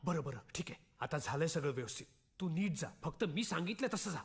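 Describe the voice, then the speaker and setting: An actor playing a quick-witted young man who stalls with fillers while covering for his friend, in a film comedy. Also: a little high, expressive, in a large hall, heavily acted. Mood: urgent. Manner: hesitant, stalling with fillers, then smooth-talking. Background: film score music.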